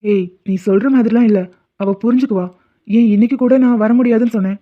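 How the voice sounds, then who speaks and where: A man's voice: high voice, fairly even intonation, fast talker, lightly acted. A man voicing a sensitive young student who grew up without parents, in a cartoon. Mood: defensive. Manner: pleading, tearful. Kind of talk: animated cartoon voice acting. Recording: tinny phone-like sound.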